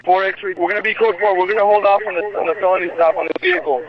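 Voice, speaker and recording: A man's voice: high-pitched, fairly even intonation, racing, a crowd in the background. A man speaking as a police officer in clipped, coded procedural talk over a police two-way radio. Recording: muffled lo-fi scanner radio, faint noise.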